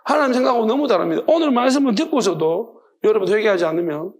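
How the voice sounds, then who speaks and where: A man's voice: sits high, expressive, quick pace. A male pastor with a Gyeongsang accent preaching a sermon, firing off rhetorical questions with emphasis.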